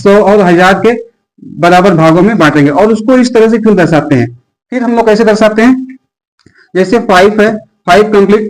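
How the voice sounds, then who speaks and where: High-voiced male math teacher. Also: poor audio. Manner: asks the class questions and answers them himself; mixes English number words into the lesson. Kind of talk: classroom math lesson.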